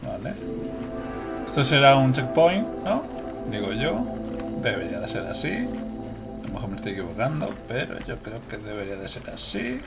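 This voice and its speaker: A young man from Spain talks through a puzzle game in a mid-pitched voice with a Spain Spanish accent, swearing freely and addressing his viewers. Game music plays clearly behind him. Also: wildly swooping pitch, normal speed. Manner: swearing, laughing, talking to viewers. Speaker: gameplay streamer. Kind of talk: live gameplay commentary.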